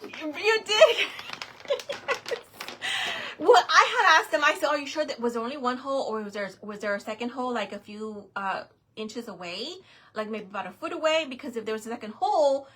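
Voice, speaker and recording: Chatty bright-voiced woman telling a story. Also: high-pitched, lively intonation, normal speed. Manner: chatty, rambling, lots of fillers and restarts. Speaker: vlogger. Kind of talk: casual storytelling.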